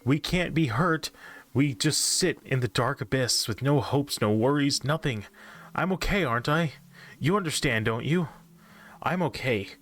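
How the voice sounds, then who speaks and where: Man doing a high, jittery doomsday narrator. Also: expressive, a little slow, a bit bright. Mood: uneasy. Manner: nervous, repeating himself, creepy reassurances. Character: anxious doom-obsessed narrator, unsettled and pleading. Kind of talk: creepypasta reading.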